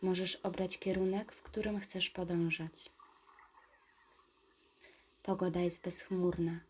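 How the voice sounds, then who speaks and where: A woman guiding a meditation in a soft, soothing whisper, giving calm instructions. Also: lowish voice, takes it slowly, husky. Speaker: meditation guide.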